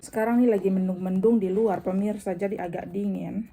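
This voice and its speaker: Chatty mom vlogging at home. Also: female voice, medium pitch, steady tone, fairly quick, vocal fry, background noise. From Indonesia. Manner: chatty, coos softly to her baby, sometimes drops to a hush. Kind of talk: casual home vlog talking to viewers.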